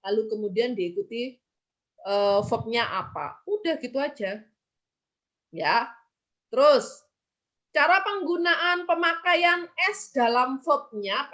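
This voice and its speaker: A woman with a fairly high voice teaches an English grammar class online. She talks casually and keeps voicing her students' questions and then answering them herself. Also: a bit bright.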